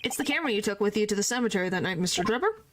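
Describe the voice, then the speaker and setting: A woman's voice: mid-range voice, animated, very fast, fairly bright tone, slight background noise, natural voice. A woman voicing an earnest young male defense lawyer building his case. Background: game music.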